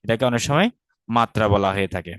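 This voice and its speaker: A man's voice: on the low side, expressive, smooth, dry recording. Patient man teaching verse grammar. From Bangladesh. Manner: explains patiently, often asks rhetorical questions and checks understanding; slows down to chant verse syllables carefully. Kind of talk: online class lecture.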